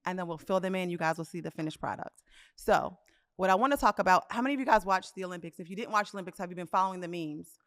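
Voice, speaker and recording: A woman in her fifties co-hosts a podcast over a studio mic, her lowish voice racing along with a fairly bright tone. The chat is casual and animated, and she laughs often.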